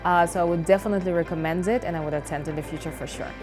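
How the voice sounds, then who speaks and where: Female attendee testimonial, fast talker, slightly low voice. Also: steady tone. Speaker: event attendee. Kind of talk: testimonial interview. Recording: music behind the voice.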